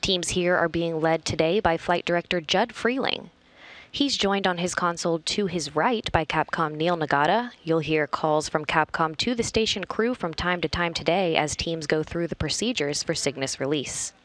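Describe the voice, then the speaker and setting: A woman's voice: lowish voice, moderate pace. A woman giving formal, informative live commentary as a mission control announcer. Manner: formal, clearly structured announcing. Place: flight control room.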